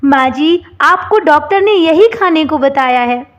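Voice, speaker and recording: A woman's voice: sits high, lively intonation, unhurried, highs cut off. Woman voicing a patient young daughter-in-law. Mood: gentle.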